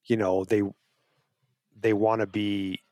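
Man with a lowish voice, a podcast guest making his case earnestly, restarting his phrases, recorded dry. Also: level tone, slow, darkish tone, no echo. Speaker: wildlife advocacy guest. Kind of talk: casual interview talk.

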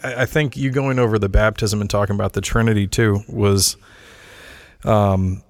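A man in a casual faith discussion, agreeable and halting, with many fillers. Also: fairly low pitch, fairly even intonation, no echo, studio quality. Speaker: co-host.

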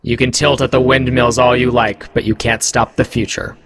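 A man voicing an arrogant, menacing male villain in a tabletop game, with a magically amplified voice that booms from every side as he speaks slowly and deliberately. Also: little pitch movement, a bit bright, breathy edge. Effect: magically amplified booming voice from all around.

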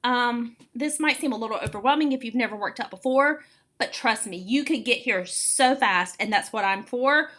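A woman in her late forties hosts a casual fitness podcast as an encouraging coach, explaining things emphatically and repeating words for stress. Her voice is a little high, bright and forceful, at a moderate pace.

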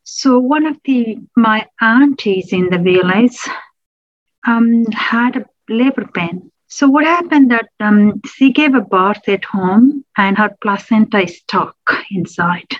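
A woman from Nepal, a public health lecturer, telling her personal story in an interview, reflective and pausing with restarts. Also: a little high, expressive, dry recording, lo-fi sound.

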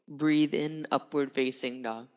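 A woman with a low voice leads a yoga class as the instructor. She gives calm, unhurried cues in short phrases at a very slow pace, and the sound carries a long reverb. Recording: long reverberant room echo.

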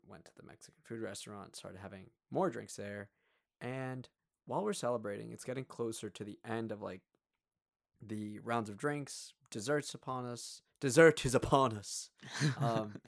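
A man's voice: on the low side, normal speed, vocal fry. A young man co-hosting a podcast, telling a story casually, with lots of fillers and voices for the people in it. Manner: animated, acts out quoted voices, many fillers. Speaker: podcast co-host.

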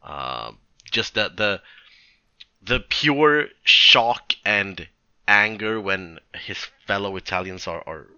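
A man co-hosting a podcast, chatting casually about a film, halting and restarting his phrases. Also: on the low side, animated, pushed and bright, clear, resonant tone, no echo, lo-fi sound. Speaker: podcast co-host. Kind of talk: casual film review chat.

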